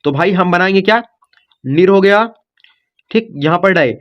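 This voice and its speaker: Male tutor, high voice, patient and repetitive, walks learners through each word, slightly muffled lo-fi audio. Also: normal speed. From India. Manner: repetitive, coaxing, says "ठीक" and "बच्चों" often. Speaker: teacher. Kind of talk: step-by-step spelling lesson.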